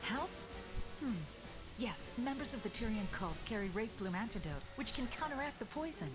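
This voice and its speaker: A woman's voice: on the high side, expressive, normal speed, close to an everyday voice. A woman voicing an earnest young game character who speaks with care. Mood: urgent. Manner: earnest, caring. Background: game music.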